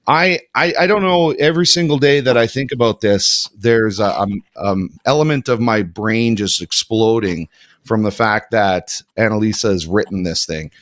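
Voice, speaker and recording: A man's voice: lowish voice, moderate pace, no echo, clean studio sound. A man hosting a casual morning talk show, effusive and repetitive, openly getting emotional.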